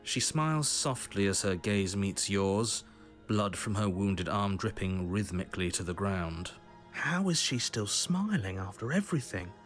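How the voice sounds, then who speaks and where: An actor playing a stern, disapproving narrator in a video game, telling the tale gravely with exasperation. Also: male voice, lowish voice, lively intonation, a little slow, soft background music. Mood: reluctant, grave.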